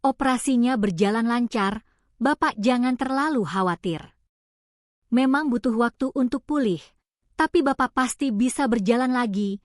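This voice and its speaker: A woman voicing a cheerful young Javanese nurse in her early twenties, speaking warmly and gently in a storybook reading. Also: a little high, normal speed, dry recording, clean studio sound, lightly acted. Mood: reassuring. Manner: warm, gentle, reassuring.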